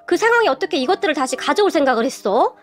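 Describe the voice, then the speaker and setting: A woman voicing a proud middle-aged father who admires his daughter, speaking slowly. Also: high-pitched, sing-song. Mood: admiring. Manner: admiring, slow-spoken.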